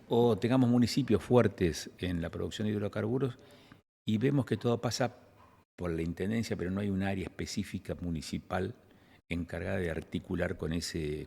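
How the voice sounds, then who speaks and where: A man's voice: low-pitched, gravelly, a little mellow, husky. A man, a news host asking long, winding interview questions.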